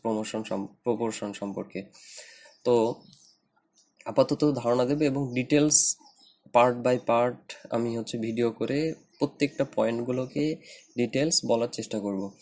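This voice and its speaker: Halting Bangladeshi man teaching design. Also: medium pitch, darkish tone. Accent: Bangladeshi Bengali. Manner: halting, many fillers and restarts. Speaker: design tutor. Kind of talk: screen-recorded tutorial.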